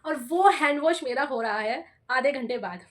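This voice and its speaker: A young adult woman vlogger telling a personal story in a chatty, animated way, often calling her viewers "bhai". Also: high-pitched, moderate pace. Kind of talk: casual storytelling vlog.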